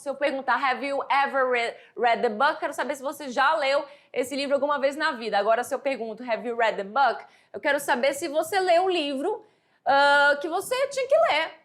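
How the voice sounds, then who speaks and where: A woman's voice: high-pitched, fairly bright tone. Patient Brazilian woman teaching English. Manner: explains patiently, repeats words, reads English examples slowly. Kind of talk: classroom lesson explanation.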